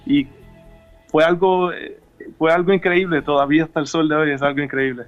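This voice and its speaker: A man in his thirties from Puerto Rico with a Puerto Rican Spanish accent, a gospel musician speaking haltingly with many fillers in a radio interview. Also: on the high side, fairly even intonation, dull audio, soft background music. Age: 30s. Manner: hesitant, many fillers and restarts.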